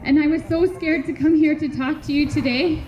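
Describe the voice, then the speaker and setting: A woman from Canada giving a heartfelt public address at a community memorial gathering, speaking slowly and earnestly with measured pauses between phrases. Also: high voice, fairly even intonation, darkish tone. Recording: dull lo-fi recording with faint background noise.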